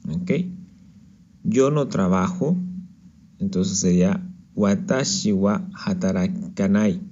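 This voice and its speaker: Slow, low-voiced man teaching a lesson. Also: mellow, lo-fi sound. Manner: patient, checks in with "¿ok?". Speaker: Japanese teacher. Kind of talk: slide-based language lesson.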